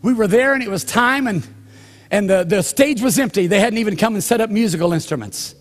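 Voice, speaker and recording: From the pulpit, an older male pastor tells a story in a sermon, pausing at length and slowing down so each point lands. His voice sits slightly high for a man, and the church sanctuary adds long, lingering reverb.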